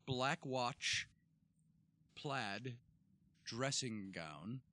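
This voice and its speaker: A man's voice: mid-range voice, lively intonation, drawn-out words, pushed and bright. A man hosting a casual travel podcast, telling stories in a playful, mock-formal way from a hotel room. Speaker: tour host.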